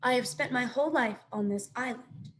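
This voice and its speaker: A woman voicing a calm, polite robot with a measured, literal, formal manner in a children's story. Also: a little high, slight background noise, lightly acted. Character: calm, polite robot newcomer among animals.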